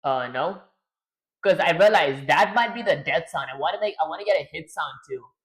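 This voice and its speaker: A man's voice: fairly high pitch, a little fast, low-quality recording. A man on a live stream chatting casually to himself as he works, his throat strained and feeling lightheaded. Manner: mutters to himself while working, relaxed. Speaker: livestreaming game developer.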